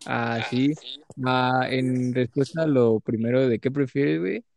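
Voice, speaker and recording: A man's voice: medium pitch, fairly even intonation, unhurried, creaky, darkish tone. A young man with a Mexican Spanish accent co-hosting a casual podcast, laid-back and crude. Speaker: podcast co-host.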